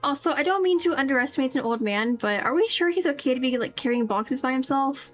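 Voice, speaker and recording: Lively intonation marks this high-pitched, fast-talking woman as she livestreams a game, rambling casually and chatting with viewers over game music.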